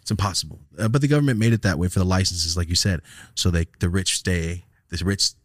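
Casual podcast host, low voice, quick to get excited, recorded dry and close. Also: male voice, no room sound. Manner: excitable, swears, laughs easily. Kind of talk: casual interview chat.

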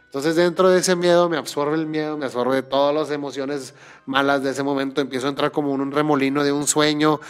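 A man tells a personal story on a casual podcast. He speaks in an animated way, restarting phrases and repeating words while he searches for the thread. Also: fairly high pitch, fairly quick, clean tone, soft background music. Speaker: podcast host.

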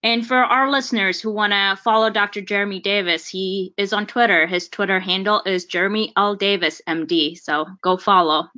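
A woman hosts a podcast and wraps up the episode with upbeat thanks. Her voice is bright and sharp, though the audio is a little dull and lo-fi. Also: mid-range voice, fairly even intonation, normal speed, hardly any pauses. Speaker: podcast host. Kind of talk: podcast sign-off.

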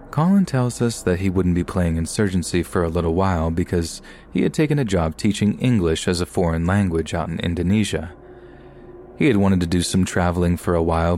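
A man narrating a submitted scary story in a steady, measured way. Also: sits low, slight background noise. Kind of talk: scripted narration.

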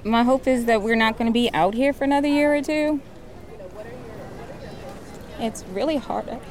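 A woman's voice: a little high, normal speed, darkish tone. A woman who founded a volunteer school, speaking earnestly and from the heart in an interview.

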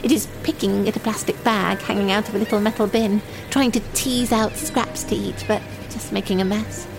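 A woman's voice: medium pitch, steady tone, moderate pace, creaky, over music, natural voice, poor audio. A woman playing a lonely, timid young runaway in an audio drama monologue, speaking in simple, naive, confiding phrases. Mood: forlorn, waiting. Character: lonely, timid young runaway waiting for a train, childlike and wistful.

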